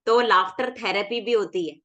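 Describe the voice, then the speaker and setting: A woman's voice: mid-range voice, normal speed, a bit bright, lo-fi sound. A woman fitness instructor teaching a live online class over a video call, often checking in with the group and cheerfully urging participants to laugh along. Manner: coaxing, checks in with "right?".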